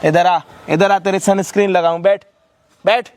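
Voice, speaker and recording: A man's voice: high-pitched, fairly even intonation, moderate pace, a little mellow, slight background noise. A male host staging a street confrontation, scolding and mocking with abusive words.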